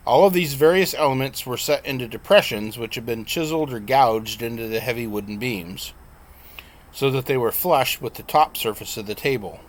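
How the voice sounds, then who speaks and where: A man with a mid-range voice reads his own novel as an audiobook, plain and unhurried, occasionally slipping and correcting himself.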